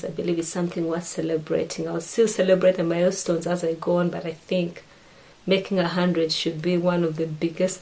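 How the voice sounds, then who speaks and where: A woman's voice: on the low side, a little mellow, low-quality recording. A middle-aged woman from Uganda with a Ugandan accent, chatting to camera about her sewing and often restarting her sentences. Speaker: sewing vlogger. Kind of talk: casual chat to camera.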